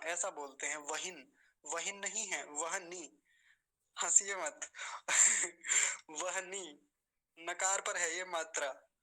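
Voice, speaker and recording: Bright-voiced man carefully teaching pronunciation. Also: fairly high pitch, rough recording. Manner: slows down to spell out syllables, repeating words carefully; patient, polite, addresses students respectfully. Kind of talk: online pronunciation lesson.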